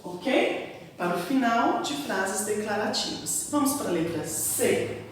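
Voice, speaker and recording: Lively Brazilian woman teacher, echoey room. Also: medium pitch, measured pace, slight background noise. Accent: Brazilian Portuguese. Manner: sing-song, emphatic teacher intonation with frequent "tá?" checks. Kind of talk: classroom lesson for children. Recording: echoey room, recorded from a distance.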